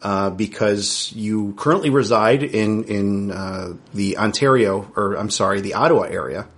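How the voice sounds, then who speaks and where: Here the Central New York podcast host sounds lower-pitched, speaking at a moderate pace. Chatty and friendly throughout the casual interview, he tends to repeat words at the start of his sentences.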